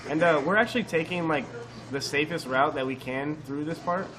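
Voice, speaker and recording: Over music and a live crowd, a man with a slightly high voice chats fairly quickly while speedrunning a game with a partner. His talk is loose and rambling, with fillers and restarts throughout.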